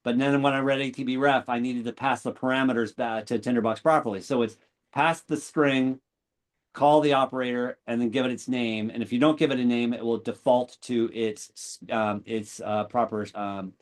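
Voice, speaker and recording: A man hosting an online meetup, talking through a live software demo, rambling and correcting himself as he goes. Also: medium pitch, steady tone, moderate pace. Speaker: meetup host.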